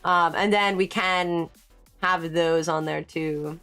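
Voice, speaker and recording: A woman's voice: steady tone, takes it slowly, a bit bright, clean tone, faint music behind. Chatty woman streamer, giggly asides. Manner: chatty, answers chat as she works; loose and giggly, with sudden high exclamations. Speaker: VTuber streamer. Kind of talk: casual live-stream chat.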